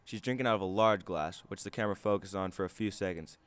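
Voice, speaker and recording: A man's voice: deep voice, fast talker, no echo. A man reading a scripted video essay as a student narrator.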